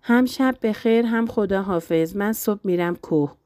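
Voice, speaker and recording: Female narrator voicing loving husband; teasing, firm, warm-spirited, dry close recording. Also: medium pitch, no echo, natural voice. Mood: playful. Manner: gentle but firm, playful. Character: affectionate teasing young husband.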